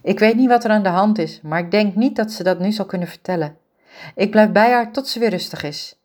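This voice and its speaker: A woman voicing a young female caregiver who is worried about her grandmother, talking quickly and with concern. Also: medium pitch, darkish tone, close to an everyday voice.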